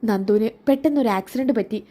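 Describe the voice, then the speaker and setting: A woman's voice: on the high side, dark tone, lightly acted. A woman voicing a worried mother who halts and hesitates before giving bad news. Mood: hesitant. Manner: hesitant, halting.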